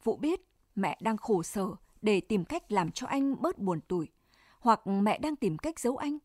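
A woman narrating a literary story in a measured, solemn storytelling manner. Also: mid-range voice, sing-song, a little mellow, no echo, clean studio sound.

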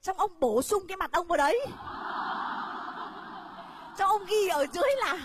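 An actress playing a flustered, scheming rural wife in a stage comedy sketch, wailing and shouting her exclamations. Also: very high-pitched, animated, moderate pace, noisy background. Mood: excited. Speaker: comic stage actor.

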